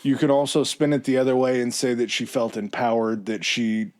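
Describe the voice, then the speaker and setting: A man hosting a podcast, telling a story in a relaxed, chatty way with fillers and asides. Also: medium pitch, brisk. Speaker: podcast host. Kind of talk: casual chat.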